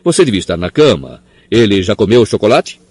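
A man's voice: lowish voice, big pitch swings, a little fast, a little mellow, husky, no echo, full character voice. A man doing a flustered patronizing minister. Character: fussy anxious male minister. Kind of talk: audiobook character voice.

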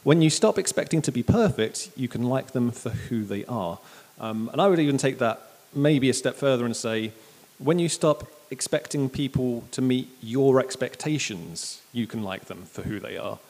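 A man preaching a sermon in a casual, chatty way, with jokes and animated asides. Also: mid-range voice, normal speed, long reverb tail.

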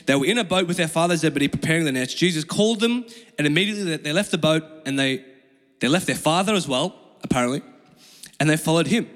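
With a fairly high pitch, lively intonation and a quick pace, this young preacher delivers a conversational, slangy sermon woven with personal stories. He's from Melbourne, speaks with an Australian accent, and grew up with Chinese as his first language; the big, reverberant hall with an audience adds a long echo.

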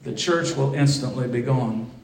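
A man's voice: medium pitch, normal speed, a little mellow, reverberant, recorded from a distance, rough recording. A man preaching a sermon in a church, building to emphatic, fervent declarations. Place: church sanctuary.

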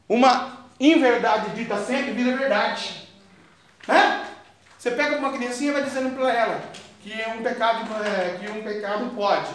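A preacher, delivering a fervent, repetitive sermon that builds to shouts. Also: male voice, very high voice, echoey room, slight background noise. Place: church.

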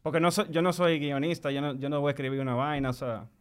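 Clear-voiced Dominican man chatting in slang. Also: a little high, fast talker. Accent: Dominican Spanish. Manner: slangy, animated storytelling with acted-out quotes. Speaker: guest, videographer. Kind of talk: casual chat.

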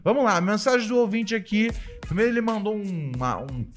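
This is a man running a casual podcast, reading listener messages aloud. His pitch swings widely and lively as he jokes and swears. He talks like he is hanging out with friends. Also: a little fast, faint music behind. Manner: animated, swearing, joking. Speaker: podcast host.

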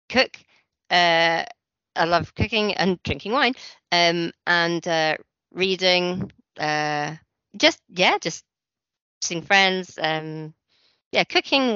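Bright Aberdonian Scottish woman. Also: on the low side, very slow, clear, resonant tone, no room sound, highs cut off. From Aberdeen, Scotland. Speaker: podcast guest, runner. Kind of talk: casual interview chat.

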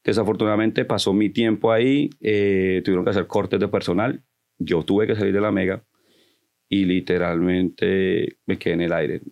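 A man's voice: low-pitched, flat delivery, normal speed, creaky, darkish tone, highs cut off. A man who grew up in the United States, chatting as a podcast guest and telling his story, slipping English phrases into his Spanish. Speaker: podcast guest, company founder. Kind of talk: casual storytelling interview.

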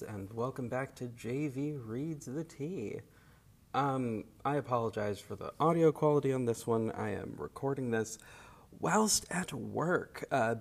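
A man hosting a podcast in casual chat, recorded at his workplace instead of his studio, so the audio is lower quality and a little echoey. He rambles with lots of fillers and restarts. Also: gravelly, darkish tone, husky. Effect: lower-quality, slightly echoey recording. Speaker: podcast host.

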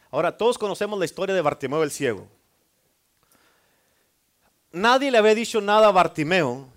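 A man's voice: sits high, fairly bright tone. A male pastor preaching a sermon, often calling for amens from the congregation. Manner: call-and-response, frequent amen prompts.

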